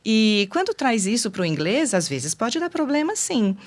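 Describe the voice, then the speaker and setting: A woman's voice: on the high side, sing-song, moderate pace. A Brazilian woman, a teacher guest in an interview, explaining patiently and giving examples.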